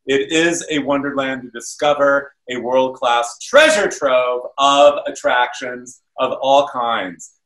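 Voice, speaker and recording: A man's voice: medium pitch, slow pace, hardly any pauses, a bit bright. A man in his fifties hosting in an upbeat, exclamatory showman's way, speaking to camera on a video call. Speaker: awards show host. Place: indoor room at home. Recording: roomy video call sound.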